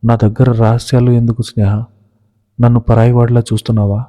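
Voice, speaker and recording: A man's voice: mid-range voice, little pitch movement, a little fast, dark tone, natural voice. A man voicing a proud young husband who questions his wife with reproach. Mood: reproachful. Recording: reverberant, dull lo-fi recording.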